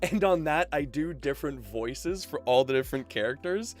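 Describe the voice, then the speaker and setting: Canadian man, game streamer, casual rambling chat, headset mic, middle pitch, faint music behind. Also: lively intonation, normal speed. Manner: chatty, lots of fillers and laughs.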